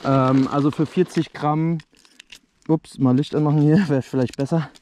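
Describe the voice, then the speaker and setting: A young man with a slightly high, steady, somewhat mellow voice speaks at a normal pace. He's a fireworks video host chatting casually and directly to his viewers while reviewing fireworks on open dirt ground outdoors at dusk, captured on an action camera.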